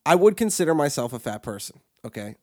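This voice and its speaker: A podcast co-host launches into a crude, profane comedic rant, restarting often and repeating words. His voice sits on the high side, sing-song, and he talks fast.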